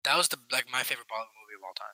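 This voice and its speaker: Bright, lively teasing young man. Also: medium pitch, very fast, no room sound, rough recording. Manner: teasing, laughs often. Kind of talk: joking chat among friends.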